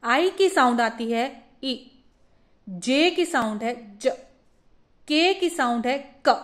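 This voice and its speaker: A woman teaching a phonics lesson for parents, demonstrating each letter sound slowly. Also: high-pitched, lively intonation.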